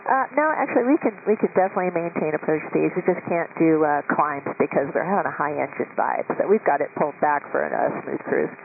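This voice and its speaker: A man, an airline pilot over the radio, using clipped radio phrasing in a calm, matter-of-fact way. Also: fairly high pitch, fast talker, creaky, hardly any pauses. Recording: tinny noisy radio transmission.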